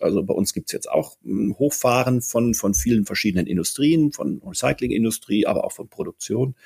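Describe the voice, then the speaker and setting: Man, 50s, podcast guest. Low, gravelly voice; measured and reflective. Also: darkish tone. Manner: measured, reflective, frequent restarts. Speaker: guest, company managing director. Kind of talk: thoughtful podcast conversation.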